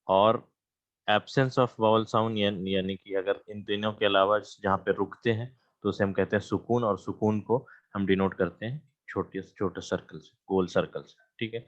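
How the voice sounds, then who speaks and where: A man's voice: fairly low pitch, fairly even intonation, no room sound, lo-fi sound. A man teaching Arabic grammar in an online class, patiently repeating terms and checking in with his students. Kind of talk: online class lecture with screen share. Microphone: computer mic on a video call.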